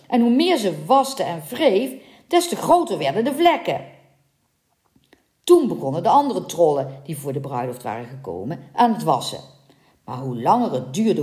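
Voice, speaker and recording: A woman reading a folk tale aloud as a podcast host, with lively, playful storytelling and small slips. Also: low-pitched, echoey room.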